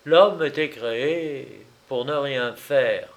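A man reading a literary story aloud as an audiobook narrator, with a measured and wry storytelling delivery. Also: medium pitch.

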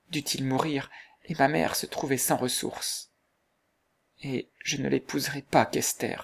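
A man's voice: mid-range voice, vocal fry, a bit bright. A man reading aloud and voicing a distraught young woman who pleads in a breathless, anguished way.

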